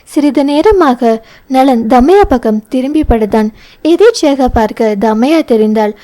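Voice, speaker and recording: A woman with a Tamil accent narrates a novel as an audiobook reader. Her voice sits a little high but has a dark, mellow colour. She reads narration and dialogue in much the same voice. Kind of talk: novel reading with character dialogue.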